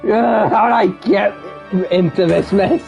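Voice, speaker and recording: A man's voice: high voice, unhurried, gravelly, a little mellow, faint music behind, voice pushed up. A man voicing a flustered young male defense attorney with a put-on Irish accent, in a bewildered, raised manner.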